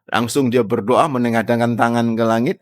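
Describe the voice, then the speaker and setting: A man giving a mosque sermon as an ustadz. He tells the story in a lively way and keeps quizzing the audience. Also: medium pitch, brisk, dry recording, studio quality. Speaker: ustadz, Islamic preacher. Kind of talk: morning mosque study sermon.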